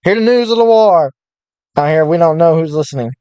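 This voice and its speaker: A man's voice: fairly high pitch, lively intonation, brisk, dark tone, clear, resonant tone, no room sound, muffled recording, close to an everyday voice. A man doing a 1930s newsreel-style merchant. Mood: urgent. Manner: old-fashioned 1930s newscaster delivery. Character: secretive middle-aged male town merchant.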